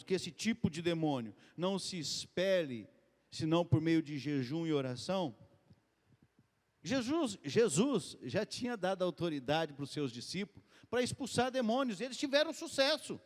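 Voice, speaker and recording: A man preaching a sermon in a conversational way, calling the congregation "dear ones" and often rising and speeding up as he speaks. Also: normal speed. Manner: conversational, addresses the congregation as "queridos" and "gente"; lively, often rises in pitch and speeds up. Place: church hall. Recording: long hall reverb.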